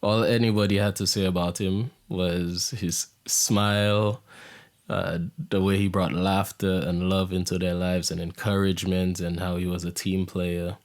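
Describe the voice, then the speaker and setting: Gravelly low-voiced man. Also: level tone, measured pace. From Saint Lucia. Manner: reflective, soft-spoken, drops into hushed near-whisper. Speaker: podcast host. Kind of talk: casual monologue.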